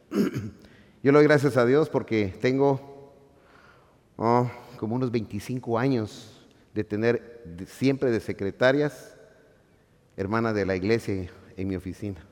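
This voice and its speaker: A man's voice: medium pitch, unhurried, pauses often. Man preaching in a reverberant hall. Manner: swings from hushed asides to loud emphatic preaching, addresses listeners as brother. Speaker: pastor. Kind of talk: sermon.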